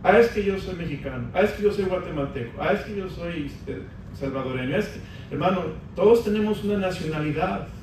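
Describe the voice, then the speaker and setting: A man preaching a sermon in a high, bright voice, pressing his points with emphatic rises. He sounds distant from the mic in a big, echoing church hall, with a faint hiss of room noise behind him. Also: animated, brisk. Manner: preaching with emphatic rises, addressing the congregation as brothers. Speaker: pastor. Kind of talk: Spanish-language sermon.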